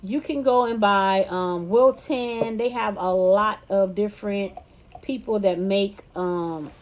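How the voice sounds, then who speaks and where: A woman's voice: medium pitch, takes it slowly, darkish tone, slight background noise. A woman from California giving a casual cooking tutorial, chatty and loose, addressing viewers as "y'all" and "you guys". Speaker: cooking vlogger.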